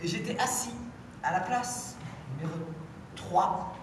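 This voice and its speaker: A teenage girl playing a prim, bewildered English gentleman in an amateur stage performance, formal and overly polite, heard from far off in an echoey hall. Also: medium pitch, slow pace, background noise, close to an everyday voice. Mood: puzzled politeness. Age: teens. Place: school show in a hall.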